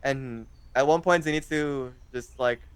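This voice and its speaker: Young man, interview guest, rambling, fillers, smooth, dry. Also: mid-range voice, unhurried, dry recording. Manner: hesitant, rambling with many fillers. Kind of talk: casual interview chat.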